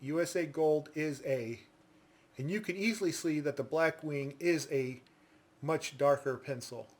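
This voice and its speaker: A man giving a casual product review in a deliberate, explanatory manner. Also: on the high side.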